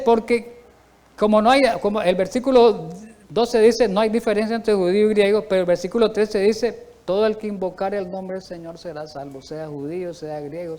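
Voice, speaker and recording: A man preaching a sermon, teaching from the Bible, reading quotations slowly and asking the congregation questions. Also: high voice, a little mellow, in a large hall. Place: church.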